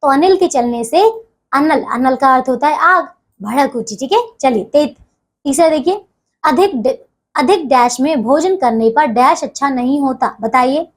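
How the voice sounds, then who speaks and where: Young female teacher, high-pitched, patient classroom explainer for children. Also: unhurried. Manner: patient, repeats "dekhiye" and "theek hai" often. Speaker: school teacher. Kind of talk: explaining a grammar lesson to children.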